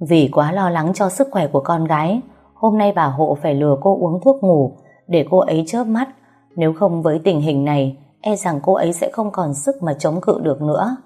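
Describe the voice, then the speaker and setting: Female storyteller, steady and even; warm, lowish voice. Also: moderate pace, breathy edge, faint music behind. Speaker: narrator. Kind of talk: story narration.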